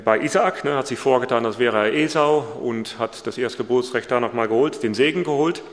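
Man preaching, casual tag questions, gravelly voice, long hall reverb. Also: mid-range voice. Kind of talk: informal sermon on a Bible passage.

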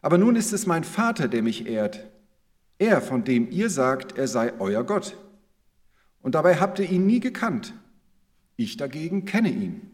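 A man reading aloud the words of Jesus as a calm, earnest male teacher, in a measured scripture-reading manner. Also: fairly high pitch, long reverb tail.

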